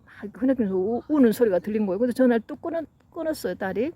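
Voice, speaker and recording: A woman's voice: on the high side, animated, rapid-fire, warm tone, breathy edge, no room sound. A middle-aged woman giving a psychology lecture, telling stories in an earnest way and acting out what parents and children said. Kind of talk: lecture with anecdotes.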